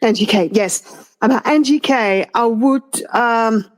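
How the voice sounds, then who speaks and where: A woman from France in her thirties co-hosts a casual chat. She talks slowly and unhurriedly, pausing often and restarting her thoughts, with plenty of fillers along the way. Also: a little high. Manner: hesitant, many fillers and restarts. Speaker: podcast co-host.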